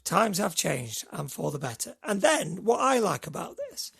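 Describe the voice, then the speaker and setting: Gravelly, husky man chatting. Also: sits high, very animated, moderate pace, fairly bright tone. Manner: chatty, rambling storyteller. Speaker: podcast co-host. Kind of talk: casual chat.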